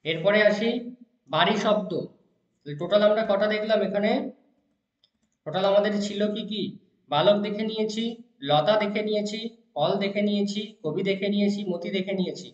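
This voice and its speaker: A male teacher giving a lesson, reciting word forms slowly in a chant and answering his own questions. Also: sits high. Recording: echoey room, dull lo-fi sound.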